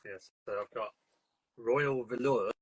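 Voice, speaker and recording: A man's voice: medium pitch, measured pace, background noise. A man co-hosting a garden podcast in a casual chat, with a dry, teasing manner. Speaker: podcast co-host.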